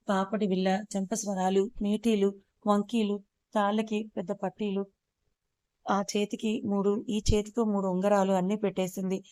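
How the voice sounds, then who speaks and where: A woman narrating a first-person audio story in an even, measured way. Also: medium pitch, smooth, no echo, studio quality.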